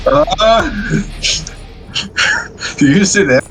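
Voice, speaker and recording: A man's voice: mid-range voice, animated, takes it slowly, faint music behind. A man chatting casually while playing a co-op game with a friend, laughing, teasing and calling out moves. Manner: playful, teasing, laughing, shouting out calls. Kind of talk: casual gameplay chat.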